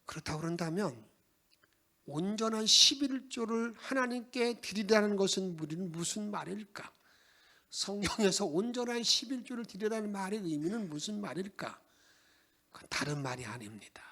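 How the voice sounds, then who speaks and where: A male pastor preaching a Sunday sermon in church, animated, with dramatic soft asides. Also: sits high, moderate pace. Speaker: pastor, bishop. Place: church sanctuary.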